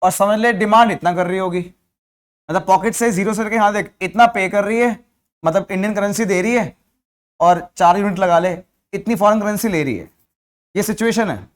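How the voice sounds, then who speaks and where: High-voiced male economics teacher. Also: normal speed. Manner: explains with rhetorical questions to students; mixes English terms into Hindi. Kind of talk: classroom lecture.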